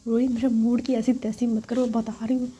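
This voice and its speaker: A woman voicing a pushy, impatient young woman who talks in a bossy, mock-threatening way, with a husky, mellow voice. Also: on the high side, level tone, moderate pace.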